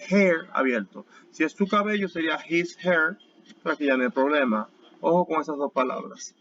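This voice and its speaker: Man teaching with slow, repeated phrasing. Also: fairly high pitch, fairly bright tone, muffled recording, a little hiss or hum. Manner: explains step by step, repeats words slowly for students. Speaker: English teacher. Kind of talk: online class lecture.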